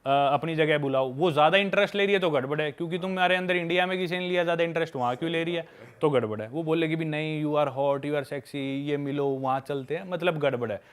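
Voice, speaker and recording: A man's voice: a little high, fast talker, smooth. A young man, a podcast guest who makes travel videos, chatting casually and frankly as he tells stories from his trips. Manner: lively, frank, addresses listener as brother. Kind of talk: casual storytelling chat.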